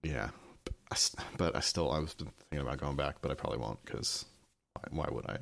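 A man's voice: a bass voice, fairly quick, gravelly, a bit bright. A man co-hosting an anime podcast, rambling with restarts and dry sarcasm. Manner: rambling, self-interrupting, sardonic. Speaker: podcast co-host. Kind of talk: casual podcast chat.

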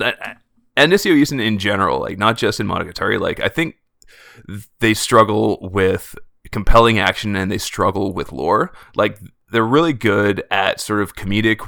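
A low-pitched man with a gravelly, bright edge lays out his thinking in a loose, conversational way. The recording is dry, with no room sound. It is casual podcast chat. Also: dry recording. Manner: thoughtful, explaining a theory at length. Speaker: podcast co-host.

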